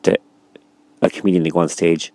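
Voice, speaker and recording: A man's voice: deep voice, little pitch movement, brisk, a little mellow, dry recording. A man, a stand-up comedian, talking casually to camera early in the morning, sleepy and yawning, rambling and reflecting on his night with lots of fillers and restarts. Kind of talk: casual vlog monologue.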